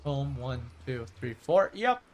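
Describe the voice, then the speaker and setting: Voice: mid-range voice, sing-song, takes it slowly, slight background noise. A streamer rambling and thinking aloud over live gameplay in casual chat.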